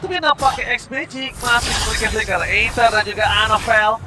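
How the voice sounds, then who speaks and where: A man working as an esports caster, giving excited live play-by-play commentary sprinkled with English phrases. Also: high-pitched, fairly quick. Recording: loud game music and crowd behind. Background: music and crowd noise.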